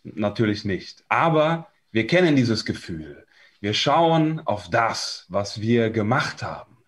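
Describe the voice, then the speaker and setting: A German man preaching a sermon in short, conversational phrases, pausing for his interpreter. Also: fairly low pitch, very animated.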